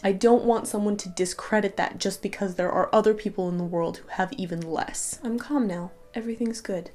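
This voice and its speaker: A woman's voice: medium pitch, a little mellow. A young woman talking to camera in a personal vlog, earnest and rambling, tearful at times. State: crying at times. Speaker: YouTuber.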